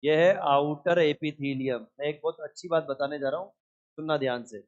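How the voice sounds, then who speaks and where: A man teaching a biology class in a lively lecture style, often asking questions and answering them himself. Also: fairly high pitch, moderate pace, muffled recording. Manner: scolds inattentive students.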